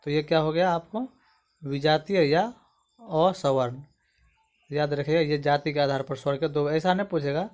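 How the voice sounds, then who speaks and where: Walking patiently through grammar for exam prep, this man speaks a bit higher than normal with a mildly mellow tone. He frequently checks in with "समझ गए दोस्तों?" to make sure viewers are following.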